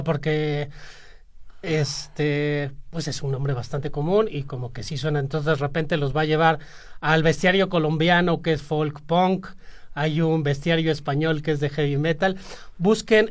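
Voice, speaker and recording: A man, a musician guest on a radio show, explaining at length with many fillers. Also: on the high side. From Peru, raised in Mexico. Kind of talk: radio interview.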